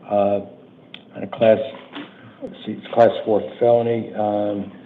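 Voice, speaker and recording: A man presides as judge, delivering routine hearing details in a businesslike, matter-of-fact manner with halting pauses. His voice sits fairly low and barely varies in pitch. The courtroom audio is muffled, with faint noise behind him. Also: little pitch movement. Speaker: judge presiding over initial appearance hearings. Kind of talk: procedural court announcements read to defendants.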